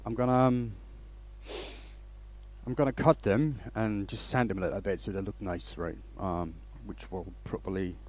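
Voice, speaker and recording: A man's voice: fairly low pitch, steady tone, normal speed, darkish tone, slight background noise. Man chatting on a livestream. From Denmark. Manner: rambling, restarts sentences, greets chat viewers by name. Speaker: woodturning livestream host. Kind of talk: casual live-stream chat while working.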